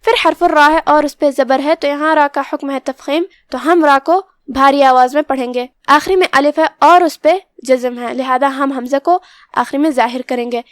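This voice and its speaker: A woman teaching Quran recitation rules, explaining calmly and reciting verses slowly and carefully. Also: sits high, no echo, clean studio sound. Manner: slow, careful recitation between plain explanations. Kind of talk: tajweed lesson.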